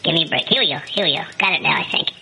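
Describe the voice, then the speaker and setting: A man voicing himself as if he had inhaled helium, squeaky and sing-song while clowning around. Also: animated, very fast, pushed and bright, a little hiss or hum, poor audio. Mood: squeaky silly.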